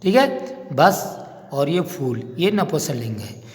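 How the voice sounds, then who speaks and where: A man teaching a class of young children, repeating each phrase slowly and explaining it, and addressing the pupils as brothers and sisters. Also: fairly high pitch, sing-song, big-room sound. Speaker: school teacher.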